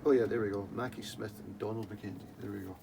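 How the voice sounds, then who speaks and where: A man with a fairly low voice talks casually and loosely, often drifting off before he finishes a thought. He sounds like the co-host of an informal show, recorded in a room with some background noise. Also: fairly even intonation, fast. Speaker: co-host of a whisky review show. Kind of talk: casual chat. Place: attic room. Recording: clearly noisy room recording.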